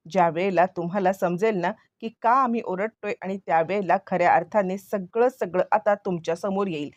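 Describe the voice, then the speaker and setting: A woman's voice: lowish voice, a little fast, dry recording, natural voice. A resolute young wife, voiced by a woman narrator questions firmly and insists on the truth. Her voice is dull-toned, close and dry.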